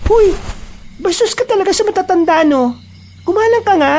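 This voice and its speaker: A man's voice: very high voice, lively intonation, moderate pace, a little mellow, a little hiss or hum, voice pushed up. A man voicing a young woman, an anxious sister who scolds and pleads with her angry brother in a horror audio drama. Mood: scolding. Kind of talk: Tagalog horror radio-drama acting.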